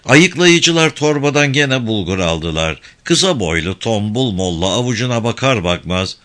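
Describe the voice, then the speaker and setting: A man narrating a novel in a steady, measured audiobook reading. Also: mid-range voice.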